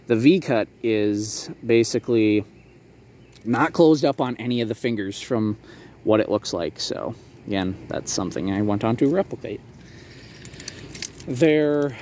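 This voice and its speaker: A man with a medium-pitched voice talks through a casual showcase vlog. He explains details in a halting way, often qualifying what he says. Ambient noise is clearly audible behind him. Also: a little mellow. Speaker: maker showing a handmade prop replica for sale.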